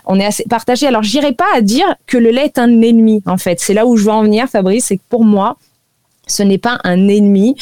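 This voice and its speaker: A woman's voice: mid-range voice, a little mellow, dry recording. A woman guest on a radio health show, explaining nutrition science in a chatty way with many hesitations.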